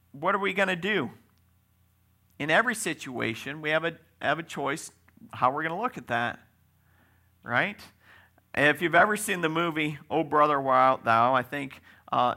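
A man delivers a folksy, conversational sermon and often checks in with his listeners. His voice sits fairly high, bright and forward, with a lot of gravelly fry underneath. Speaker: preacher.

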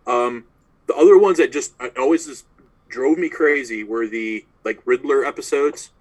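A man's voice: mid-range voice, normal speed, a little mellow, rough recording. A man co-hosting a podcast in casual chat, wry as he tells a story. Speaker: podcast co-host.

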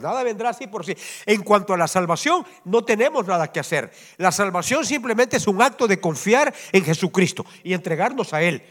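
A man preaching a sermon in church with a high voice that swoops and climbs all over. He keeps turning to the congregation for agreement, animated and conversational. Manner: animated preaching, constantly asks the congregation "¿verdad?". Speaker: pastor. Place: church service before a congregation.

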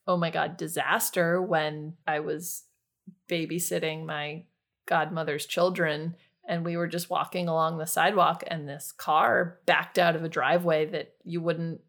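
Lively woman co-hosting a chatty podcast. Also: fairly low pitch, normal speed, gravelly. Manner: animated storyteller, acts out quotes with big shouts. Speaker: podcast co-host. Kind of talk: casual chat.

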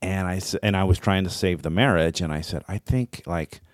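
A man's voice: deep voice, steady tone, fast, dry recording, studio quality. A man co-hosting a podcast in casual chat, reflective and searching for words with many fillers. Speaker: podcast co-host.

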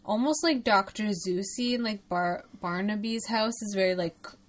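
A woman's voice: medium pitch, moderate pace. A woman co-hosting a podcast, chatting casually about a movie with lots of fillers and laughs. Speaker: podcast co-host.

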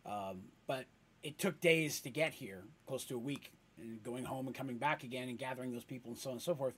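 A man's voice: mid-range voice, brisk, fairly bright tone, breathy edge. A man narrating a fantasy tabletop story in a casual, rambling way.

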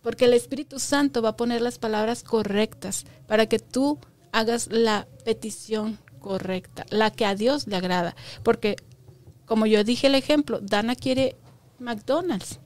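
A woman's voice: a little high, a little slow, a little mellow, dry recording. A woman teaching a Bible lesson to children, patiently asking them questions and stressing key words by repeating them.

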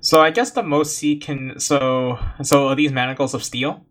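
A man's voice: medium pitch, normal speed, a bit bright. Hesitant man playing a tabletop game. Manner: hesitant, stumbles and repeats words. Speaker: player. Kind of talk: casual tabletop game chat.

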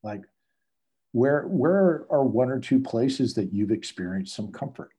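Male pastor, dark husky voice, encouraging interviewer, gets excitable. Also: medium pitch, measured pace. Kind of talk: church interview.

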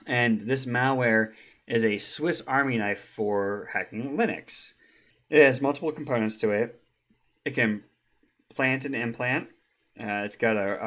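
A man's voice: medium pitch, fairly bright tone. A man co-hosting a casual tech podcast, chatty, with frequent ums and easy laughs. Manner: chatty, laughs easily, many ums and restarts. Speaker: podcast co-host.

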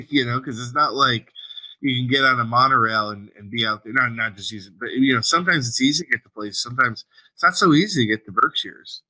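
A man's voice: medium pitch, fast, sharp tone, rough recording. A man co-hosting a podcast, chatting casually in a rambling way with many restarts. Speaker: podcast co-host. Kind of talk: casual chat.

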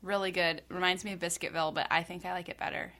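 A woman's voice: fairly low pitch, steady tone, quick pace, sharp tone. A woman from North Carolina in casual conversation, talking thoughtfully with many fillers and restarts. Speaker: conversation partner. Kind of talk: casual chat.

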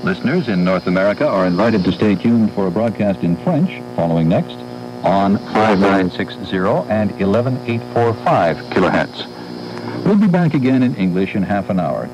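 A man with a lowish voice reads out a formal station sign-off in a measured way. He comes through fading shortwave radio. The sound is muffled and buried in static and mains hum. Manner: measured, reads frequencies and address. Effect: fading shortwave radio reception. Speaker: station announcer.

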